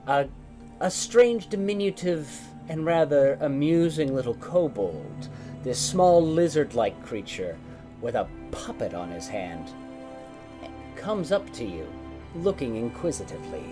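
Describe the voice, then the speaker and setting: A man narrating a tabletop game as game master in a measured, descriptive way. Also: fairly high pitch, sing-song, over music.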